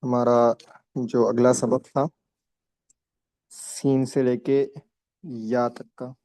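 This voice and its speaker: Man, children's tajweed teacher, patient, drawn-out letters, warm tone, dry close sound. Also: mid-range voice, level tone, no echo. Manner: slow, drawn-out letter pronunciation with patient explanations. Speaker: Quran recitation teacher. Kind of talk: online tajweed class for children.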